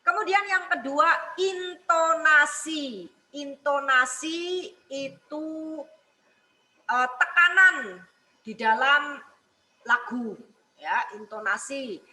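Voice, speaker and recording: High, slow-speaking woman teacher. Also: pushed and bright, rough recording. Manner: explains step by step, repeats points with a questioning "ya". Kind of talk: music lesson broadcast.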